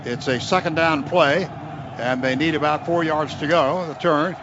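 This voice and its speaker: An American man with a slightly high voice calls live college football on the radio at a normal speed, working as the play-by-play announcer for Oklahoma. He describes each play in clipped running phrases and lifts into excited calls when big action builds. The outdoor stadium broadcast sounds dull and noisy.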